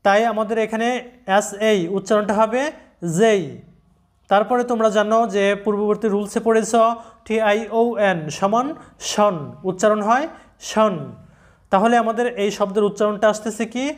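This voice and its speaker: A woman's voice: mid-range voice, little pitch movement. Woman, pronunciation teacher; patient, spells out letters, sounds each syllable, talks straight to students. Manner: addresses students directly, repeats key words slowly. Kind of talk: recorded video lesson.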